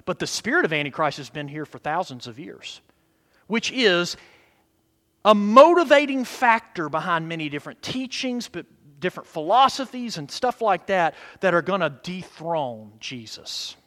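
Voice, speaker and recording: A man preaching a sermon like a TV preacher, emphatic, moving between hushed asides and loud declarations and checking in with his congregation. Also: sits high, sing-song, normal speed. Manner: seeks affirmation from congregation with short questions. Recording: long hall reverb.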